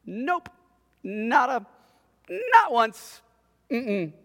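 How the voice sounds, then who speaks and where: A man delivers a sermon in an unusually high voice, spinning an everyday family story with animated, sarcastic flair. His words ring out with a long reverb trailing behind them. He sounds like a pastor talking straight to his congregation. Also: very slow.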